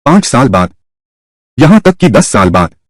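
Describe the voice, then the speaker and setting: A man dubbing a confident young restaurant entrepreneur who talks in a calm, persuasive way in a drama dub. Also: mid-range voice, unhurried, no room sound. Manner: assured, calmly persuasive.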